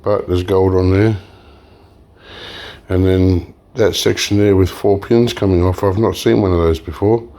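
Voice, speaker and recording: This deep, dark-toned male host thinks aloud at a measured pace while working through a casual hands-on demonstration for his e-waste recycling channel. He's relaxed and a bit hoarse, clearing his throat, with frequent fillers and restarts.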